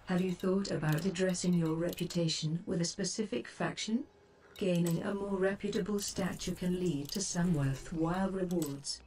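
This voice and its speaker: Steady in tone and a little mellow, her low-side voice stays close to everyday speech as she portrays a poised spaceship AI in a game. Scripted advisory lines are spoken with formal, precise, measured wording, recorded through a somewhat distant, noisy stream capture.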